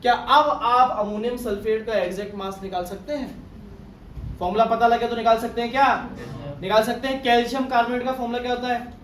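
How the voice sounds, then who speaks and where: A man's voice: very high voice, fairly even intonation, fairly quick, fairly bright tone, slight background noise. A male chemistry teacher giving a classroom lecture, often quizzing his class with questions. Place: classroom with students. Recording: echoey room, far from mic, class murmur.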